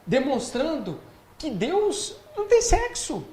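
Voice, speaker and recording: A man's voice: extremely high pitch, huge pitch swings, slow pace, darkish tone. A man with a Brazilian Portuguese accent giving a spiritist lecture on scripture, speaking conversationally and often checking in with his audience. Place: lecture hall of a spiritist center. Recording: echoey hall with faint noise.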